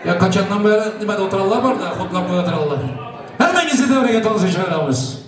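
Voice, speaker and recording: A man's voice: high voice, animated, fast talker. A man who is a native Turkmen speaker, hosting a wedding party and announcing to the guests. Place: wedding celebration venue. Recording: echoey party hall, far-off, crowd noise. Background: crowd of guests.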